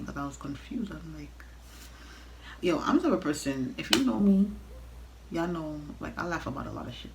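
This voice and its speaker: A young woman telling a casual, animated storytime rant, blunt and exasperated, swearing freely as she talks straight to viewers. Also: low-pitched, gravelly, background noise. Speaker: storytime vlogger.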